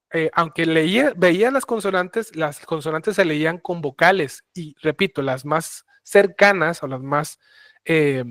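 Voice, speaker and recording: A man's voice: fairly high pitch, a bit bright, no room sound, studio quality. Man teaching a Bible lesson. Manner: explains slowly, many restarts and fillers. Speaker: preacher.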